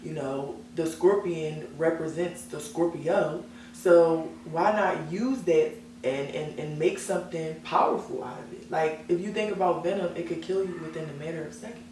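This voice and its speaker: In a deep, slightly mellow voice at a moderate pace, a young woman singer being interviewed discusses herself with earnest self-assurance in relaxed conversation. Echo, background hum, and a distant mic mark the recording.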